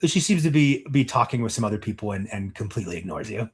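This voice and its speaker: A man's voice: on the low side, animated, quick pace, slightly rough. Rambling game master man. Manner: rambling, casual, many fillers. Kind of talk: narrating a tabletop game.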